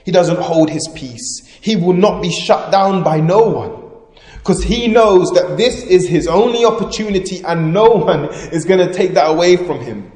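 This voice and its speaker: A man preaching a sermon fervently, rising to loud proclamation and dropping to hushed emphasis. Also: high-pitched, normal speed. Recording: echoey hall with long reverb.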